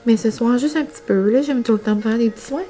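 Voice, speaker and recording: A young woman with a Québécois French accent chatting casually to camera as a vlogger, relaxed and low-key, feeling a bit unwell. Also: fast talker. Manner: chatty, relaxed, sprinkles English words.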